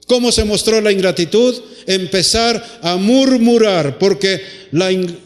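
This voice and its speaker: Man preaching, high voice, rhetorical questions, slow emphatic phrases, long church-hall reverb. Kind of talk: sermon.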